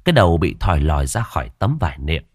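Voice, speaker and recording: A man narrating a ghost story in a dramatic, lively storytelling manner. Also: very deep voice, quick pace, a little hiss or hum.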